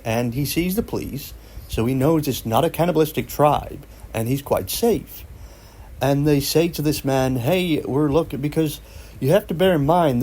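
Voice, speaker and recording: A man's voice: mid-range voice, dark tone. A man casually retelling a strange story in a rambling, conversational way, with fillers and restarts.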